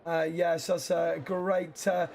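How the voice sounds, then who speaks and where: A man giving live racing commentary as a motorsport commentator, in a conversational, halting way. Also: on the high side, little pitch movement, creaky, background noise.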